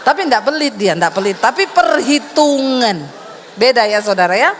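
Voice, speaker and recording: A woman's voice: on the high side, lively intonation, normal speed, noisy background. A middle-aged woman pastor preaching a sermon, emphatic and teasing, asking the congregation rhetorical questions. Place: church hall. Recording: long hall reverb.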